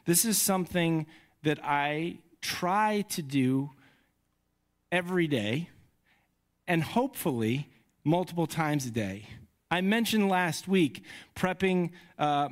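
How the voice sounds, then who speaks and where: A male pastor in his thirties preaches in an unhurried, measured way from a church stage. His voice sits a little high for a man, and he keeps the sermon conversational, growing animated when he tells stories. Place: church sanctuary. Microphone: handheld or headset mic.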